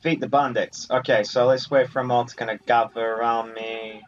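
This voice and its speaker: With video game music in the background, a man delivers loose, rambling let's play commentary a little fast and in a level tone. His voice is mid-range, and the recording is muffled.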